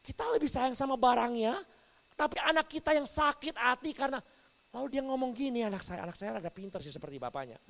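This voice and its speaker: A man preaching a sermon as pastor, telling stories with sudden swings from soft to loud. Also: very high voice, fast, gravelly, poor audio. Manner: animated storytelling with big swings in volume.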